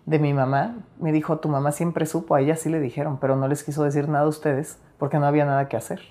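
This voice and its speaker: Low-voiced woman telling stories. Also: fast talker. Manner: animated storyteller, acts out quoted lines, laughs between stories. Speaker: interviewee. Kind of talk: candid interview storytelling.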